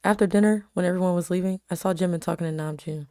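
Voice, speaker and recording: A woman's voice: fairly low pitch, fairly even intonation, quick pace, dark tone, no room sound, clean studio sound. A woman reading her own old fan fiction aloud with casual asides, a little embarrassed and self-critical. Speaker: amateur author reading own old stories.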